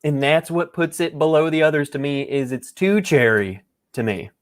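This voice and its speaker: A man's voice: on the high side, normal speed, smooth. A man hosting a casual live whiskey tasting, joking and rambling as he chats with viewers. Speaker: whiskey livestream host. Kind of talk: casual livestream tasting chat.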